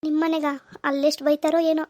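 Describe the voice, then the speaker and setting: A woman's voice: high-pitched, little pitch movement, fast, warm tone, no room sound, natural voice. A woman voicing a worried, regretful young husband in a cartoon. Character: remorseful young husband Satish.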